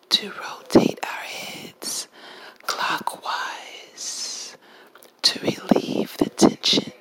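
Slow whispering woman guiding relaxation. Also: low-quality recording. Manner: slow, soft whisper counting breaths. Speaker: relaxation host. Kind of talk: whispered ASMR guided relaxation.

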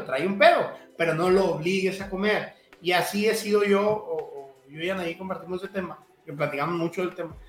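A man in his thirties with a high voice chats on a podcast. He spins lively, foul-mouthed stories about fatherhood and imitates the people in them. The room has a roomy echo, and soft music plays underneath. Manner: profane, animated storytelling, mimics voices. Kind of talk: casual podcast chat.

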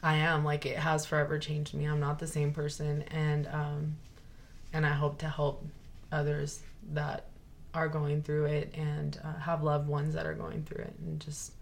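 Woman, young adult, low-pitched, earnest, rambling, casual chat. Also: completely flat delivery, measured pace, gravelly. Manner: earnest, rambling with many fillers and restarts. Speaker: guest sharing her story.

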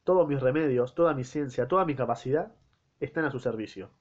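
Argentine man reading as a smooth-talking quack doctor, lecherous and flowery, mid-pitched, dull lo-fi sound. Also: brisk, lightly acted. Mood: flattering. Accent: Argentine Spanish. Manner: flowery, flattering courtly speech. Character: scheming lecherous fake doctor, adult man.

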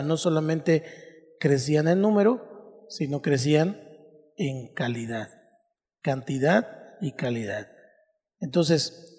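A man preaching a teaching sermon with a somewhat high voice. He explains patiently and keeps asking his listeners rhetorical questions. The sound carries a long reverb, as in a church hall. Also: darkish tone. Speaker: pastor.

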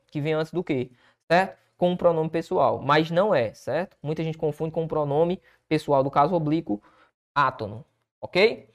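A Brazilian man in a grammar class walks through exam questions one by one. He explains each step, asks himself questions and then answers them, and drawn-out words alternate with quick asides. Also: fairly high pitch. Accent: Brazilian Portuguese. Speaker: Portuguese teacher. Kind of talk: exam-prep lesson walking through questions.

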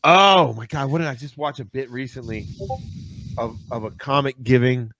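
Bright, forceful, needling man. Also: medium pitch, normal speed, dry recording. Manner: needling, insulting, sardonic. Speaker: podcast co-host. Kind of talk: casual group banter.

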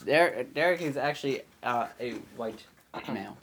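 A man's voice: mid-range voice, animated, moderate pace, fairly bright tone, a little hiss or hum. A man in casual chat among friends, recapping a story in a rambling way full of fillers.

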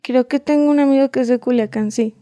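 A young woman with a Mexican accent answers questions in a soft, giggly, somewhat shy way. Her voice sits a bit high and sounds smooth and clear, recorded close and dry. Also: fairly even intonation, quick pace, no echo. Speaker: guest. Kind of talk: casual interview chat.

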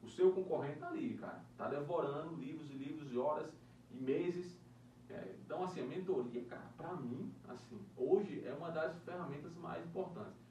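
A man's voice: on the high side, normal speed, highs cut off. A man chatting casually about exam prep, telling stories with plenty of swearing. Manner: profane, animated storytelling. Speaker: podcast co-host. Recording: roomy, distant mic, faint noise.

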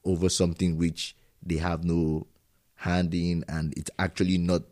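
Deep-voiced rambling male interviewer. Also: level tone, unhurried, darkish tone. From immigrant to Germany. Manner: rambling questions, frequent restarts. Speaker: podcast host. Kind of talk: casual interview.

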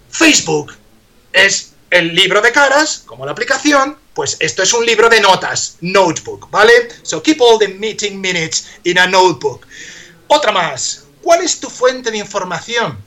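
A man with a Spain Spanish accent teaching English phrases on a live radio show. He repeats each phrase slowly and tags his lines with quick checks for understanding. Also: high voice, pushed and bright.

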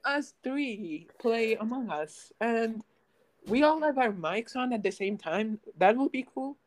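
A woman's voice: fairly high pitch, expressive, measured pace, low-quality recording. A nineteen-year-old woman chatting casually to her viewers, rambling with lots of ums and restarts. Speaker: gaming channel host.

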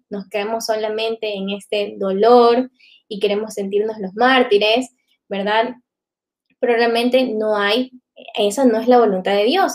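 A woman giving a reflective live faith talk to viewers, often tagging her sentences with "¿no?". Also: a little high. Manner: reflective, many filler tags like "¿no?".

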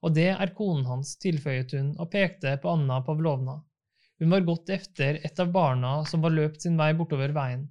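A man reading a novel aloud as an audiobook narrator, calm and even. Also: fairly high pitch.

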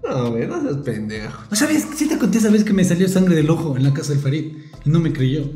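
A young man jokes and rambles through casual slangy chat with friends. His voice sits a little high, and the room around him rings with echo. Faint music plays underneath. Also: very animated, quick pace, dark tone. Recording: roomy echoey room.

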